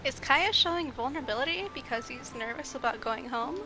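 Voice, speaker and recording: A woman's voice: high-pitched, animated, a little fast, low-quality recording. A woman casually commenting on a game she plays, chatty and often laughing. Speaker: gaming streamer.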